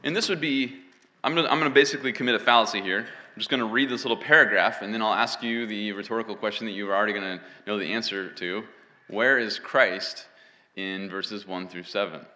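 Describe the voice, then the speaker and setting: A man's voice: on the low side, a little fast, pushed and bright. A man preaching an expository sermon to a congregation, emphatic and given to self-deprecating asides. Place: church hall with an audience. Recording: long hall reverb.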